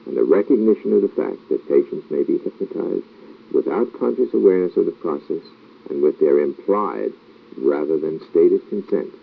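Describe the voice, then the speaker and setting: A man with an extremely low, gravelly voice delivers a formal instructional lecture. He speaks slowly like a hypnotist, pausing often between measured phrases. The sound is dull and lo-fi, like an old tape. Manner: slow, measured hypnotist-like delivery with frequent pauses; formal, clinical wording. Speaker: lecturer on clinical hypnosis technique.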